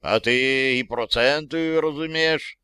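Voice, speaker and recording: A young tsarist officer, as an audiobook narrator puts him on, mocking and condescending toward the man he argues with. The voice is smooth and clear, with a mid pitch. The recording is dry and close. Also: normal speed, sharp tone, no room sound, lightly acted. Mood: doubtful. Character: young sneering male tsarist army officer.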